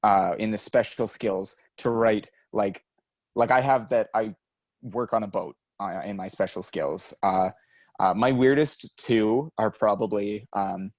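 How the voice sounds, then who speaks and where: A man in his twenties co-hosting a podcast, chatting casually with quick self-mocking asides. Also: lowish voice, dry recording. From Canada. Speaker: podcast co-host. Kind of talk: casual chat.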